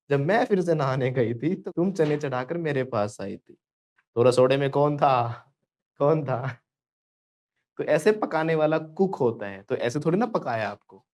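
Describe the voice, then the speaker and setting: Joking, higher-voiced male English teacher. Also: darkish tone. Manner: playful, joking, keeps prompting students to repeat. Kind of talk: online class in Hindi teaching English phrases.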